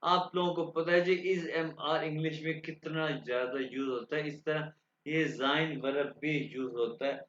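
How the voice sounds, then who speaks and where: A man teaching a language lecture. He explains slowly and repeats himself, stopping often to check that the students follow. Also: a little high, steady tone, a bit bright, slight background noise. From Pakistan. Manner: slow and repetitive, checking understanding with the students. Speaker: German teacher. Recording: echoey room, dull lo-fi sound.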